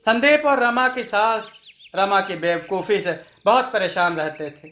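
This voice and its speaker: A man narrating a folk tale in steady storybook style. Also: sits high, a little slow. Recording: echoey room.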